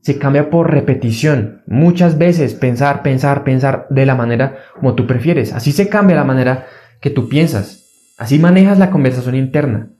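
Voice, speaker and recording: Earnest man, mellow voice. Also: lively intonation, normal speed. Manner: earnest, repetitive, acts out a fearful inner voice in a higher pitch. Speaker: motivational speaker. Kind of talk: motivational self-help monologue.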